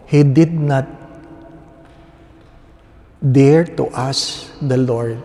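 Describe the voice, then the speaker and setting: Priest with cathedral echo. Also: male voice, medium pitch, mellow. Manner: slow, measured, solemn delivery. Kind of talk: gospel reading and homily at Mass. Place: large basilica indoors. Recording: long reverb of a large stone church.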